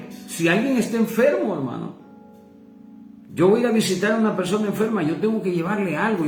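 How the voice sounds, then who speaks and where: A man's voice: sits high, a little mellow. A man with a Mexican accent preaching a sermon as pastor, impassioned and calling listeners brother. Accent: Mexican Spanish. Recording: echoey room with faint guitar music.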